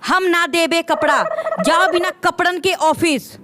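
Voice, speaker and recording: A woman's voice: extremely high pitch, a little slow, background noise. A woman voicing a bossy, scolding older mother-in-law in a cartoon, talking in a taunting, rustic way. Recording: cartoon dub with loud music behind.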